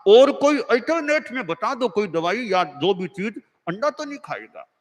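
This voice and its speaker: An elderly grandfather coaxes and insists, like the head of the household he is, voiced by a man during a sermon. The sound lingers in a long hall reverb, and the pitch stays fairly high. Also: sing-song, normal speed. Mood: conceding. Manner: coaxing, insistent.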